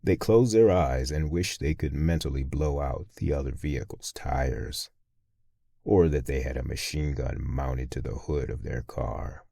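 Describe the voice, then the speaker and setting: Very deep, gravelly male horror narrator. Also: a little slow, mellow, dry recording, clean studio sound. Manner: brooding, menacing. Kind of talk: first-person horror story narration.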